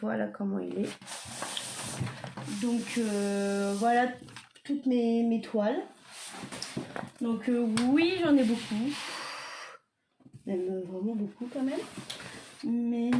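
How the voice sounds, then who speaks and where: Young woman, home vlogger, slow halting delivery, bit high-pitched. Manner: hesitant, many fillers and self-corrections. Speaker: vlogger showing her diamond painting stock. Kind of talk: casual show-and-tell. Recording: clear background noise.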